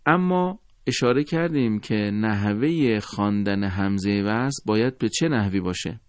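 A man teaching a recorded lesson on Quran recitation, speaking in a formal, courteous and measured way. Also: fairly low pitch, no room sound, studio quality.

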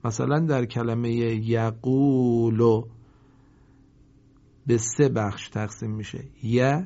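A male teacher with a dark, mellow voice gives a recorded lesson. He explains at a brisk clip, then recites example words slowly and drawn out for the class to repeat. The recording sounds dull and lo-fi. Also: mid-range voice, fairly even intonation. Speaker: Quran reading teacher.

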